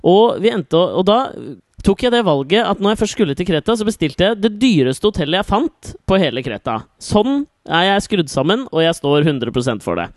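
Sardonic man, higher voice. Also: big pitch swings, hardly any pauses, no echo, studio quality. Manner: sardonic, swearing banter. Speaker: podcast co-host. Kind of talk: casual chat.

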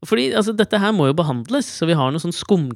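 A man's voice: sits high, big pitch swings, creaky, no echo, studio quality. A man in his thirties, a father telling a candid, rambling, self-mocking story in casual chat over a video call.

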